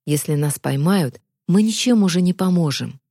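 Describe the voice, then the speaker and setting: A woman's voice: fairly low pitch, lively intonation, normal speed, dark tone, husky, no echo, clean studio sound. A woman reading the part of a frightened young girl who pleads breathlessly in a storybook narration. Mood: hushed.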